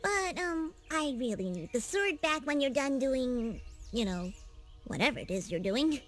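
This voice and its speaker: A small, perky female creature from a fantasy video game. The voice is high and very lively in pitch, cutesy and bold. She chatters in a scatterbrained way over faint music. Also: a little slow. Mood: insistent, flustered.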